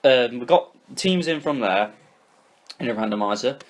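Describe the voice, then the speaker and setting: A young man from Britain co-hosting a football podcast, telling stories in an animated, rapid way full of restarts. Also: mid-range voice. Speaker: podcast co-host. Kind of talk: casual chat.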